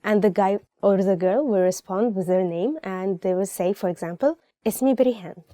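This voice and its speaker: A woman's voice: mid-range voice, fast, mellow, no room sound, clean studio sound. A young woman from Egypt, chatting to camera as she teaches spoken Arabic and repeats each phrase. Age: young adult. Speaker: language teacher. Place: small indoor studio with plain wall.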